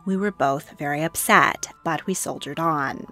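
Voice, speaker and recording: A woman's voice: low-pitched, unhurried, gravelly, bright, forceful tone, soft background music. A woman hosting a history channel, reading a scripted voice-over about her trip.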